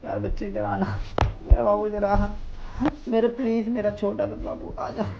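A man's voice: high-pitched, flat delivery, normal speed, vocal fry. A young man hosting a prank video, pleading and soothing, using pet names over and over. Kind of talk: staged prank conversation. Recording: dull audio with faint noise.

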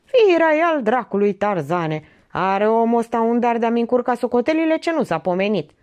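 Brisk joking doctor guy, audiobook , woman reader doing him. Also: fairly high pitch, big pitch swings, darkish tone, muffled recording, voice pushed up. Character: brisk male doctor, teasing. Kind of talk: audiobook character reading.

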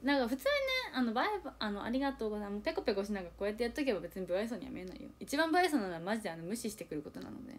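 Racing along with hardly any pauses, a young idol group member speaks in a fairly high voice while streaming live. She chats casually, reads viewers' comments, and confides self-deprecatingly, animatedly voicing little quoted exchanges in different tones.

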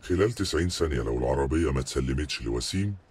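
A very deep-voiced game master. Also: male voice, lively intonation, noisy background. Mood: formal. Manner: formal, measured announcing. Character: stern unseen game master, announcing rules. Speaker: game announcer.

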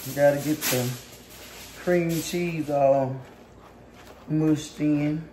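Talking straight to her viewers, a young woman chats and teases through her casual cooking vlog as mixing wears out her arm. Her voice is deep and mellow with fairly even intonation, and she draws out her words. The kitchen at home sounds echoey, and background noise comes through.

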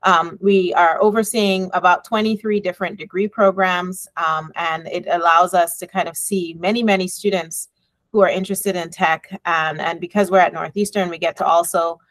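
A middle-aged woman from the Bahamas, an engineering professor and department chair, gives a reflective, measured conference talk over a laptop webcam video call from her office with bookshelves and a window. Her voice is fairly low, fairly even and a bit bright, with no echo, and she uses many fillers like um and you know.

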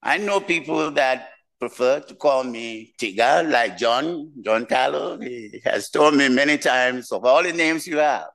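An older man from Nigeria and Cameroon with a mixed West African accent, giving a slow, humorous keynote speech from a podium in a lecture room. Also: medium pitch, vocal fry, a bit bright, poor audio. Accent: West African, mixed from many languages. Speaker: keynote speaker, professor. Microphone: podium mic.

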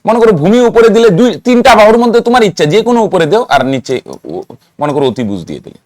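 A man's voice: sits high, sing-song, racing, a little mellow, no echo, studio quality. Male teacher, questioning pupils. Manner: asks students questions and answers them himself, repeats terms rhythmically. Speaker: math teacher. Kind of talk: classroom-style lesson to students.

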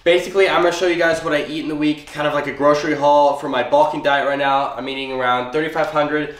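A man's voice: on the high side, steady tone, fast. Congested young man vlogging casually. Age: young adult. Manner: chatty, upbeat, explains item by item. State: congested, sick. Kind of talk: casual grocery haul vlog. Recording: roomy, distant, noisy home recording.

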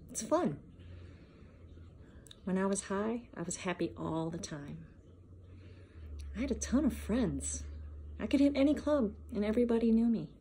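A woman's voice: on the low side, a little mellow. Woman acting a bitter rehab patient, noisy recording. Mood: wistful, defiant. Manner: sullen, sarcastic, dropping into near-whispers. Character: bitter, defiant woman in drug rehab, resentful and miserable. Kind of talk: dramatic audition monologue. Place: small plain room indoors.

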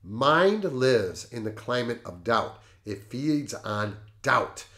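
A middle-aged man hosting a show, reading passages from a book aloud and commenting on them in a lively way. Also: medium pitch, slow. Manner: animated, laughs at the jokes he reads. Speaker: podcast host.

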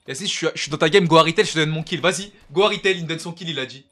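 A man streaming a video game live, commenting excitedly and calling out loudly to his viewers. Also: fairly high pitch, rapid-fire. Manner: excitable, loud outbursts to viewers.

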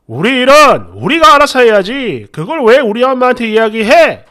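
A woman voicing a furious, swearing husband who yells insults at his wife in a narrated story. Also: sits high, sing-song, moderate pace. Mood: angry shouting. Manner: shouting, bullying, insulting. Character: furious swearing husband, middle-aged man.

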